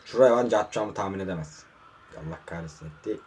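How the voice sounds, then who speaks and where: A man commentating his own mobile football match, muttering in frustration and breaking into sudden excited outbursts, hot and sweating in a warm room. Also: low-pitched, fast talker, a little hiss or hum. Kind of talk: casual live gameplay commentary.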